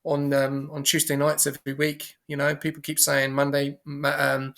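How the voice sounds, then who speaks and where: Kiwi guy hosting online awards, bright forceful voice, kinda halting. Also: fairly high pitch. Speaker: awards show host and race commentator. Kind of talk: casual online awards presenting.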